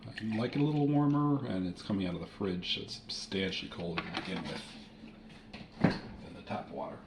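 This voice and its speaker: A man talks through each step of his day in a plain, matter-of-fact way. His voice sits low and has a gravelly edge. Loud noise runs under the home recording. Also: fairly quick. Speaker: vlogger. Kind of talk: casual narration of daily routine. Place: at home, kitchen.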